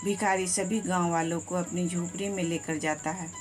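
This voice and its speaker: A woman's voice: on the low side, steady tone, moderate pace, a little mellow, soft background music. A woman storyteller reading out a moral tale and giving each villager a voice of her own. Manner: voices every villager in turn. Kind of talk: scripted story narration.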